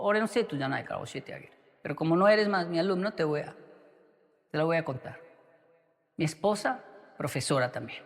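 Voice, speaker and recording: A man voicing an eccentric, cheerful older Japanese male teacher who shouts with joy. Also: a little high, long reverb tail.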